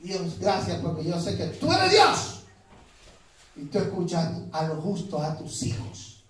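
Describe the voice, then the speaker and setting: Preacher doing defiant older prophet, high-pitched, heard from across the church. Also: male voice, very animated, normal speed, a bit bright, exaggerated voice. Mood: prayerful. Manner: taunting, commanding, raises pitch. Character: bold older male biblical prophet, defiant. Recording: echoey church hall from far off.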